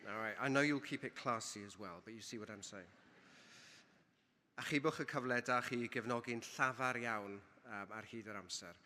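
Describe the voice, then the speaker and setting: In a large ceremony hall with long reverb, a university provost presiding over a graduation delivers a ceremonial welcome speech. He's a Welsh native speaker with a bright, mid-range voice at a moderate pace, playful, theatrical and eloquent as he switches between Welsh and English.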